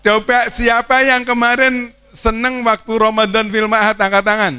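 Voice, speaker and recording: A man's voice: very high voice, little pitch movement, normal speed, sharp tone, clean tone, no echo. A man teacher, giving a playful, coaxing speech to children at a boarding school opening and asking them questions. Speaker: teacher addressing students.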